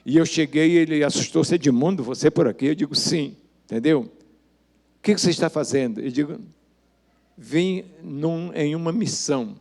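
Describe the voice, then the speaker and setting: Older brazilian pastor guy telling a story in a sermon, dark mellow voice, does all the voices. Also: fairly high pitch, moderate pace, creaky. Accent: Brazilian Portuguese. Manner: storytelling, acting out the dialogue of each person in the story. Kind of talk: sermon testimony.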